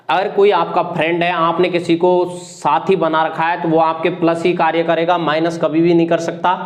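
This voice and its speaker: A man from India teaching an exam-prep vocabulary lesson, repeating each word and its meaning again and again as a drill. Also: sits high. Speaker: English teacher.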